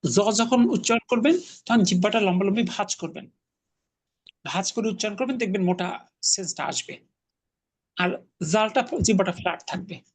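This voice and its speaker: A man's voice: sits high, moderate pace, long pauses, breathy edge. A man teaching an Arabic class online, patiently explaining grammar and correcting his students' pronunciation.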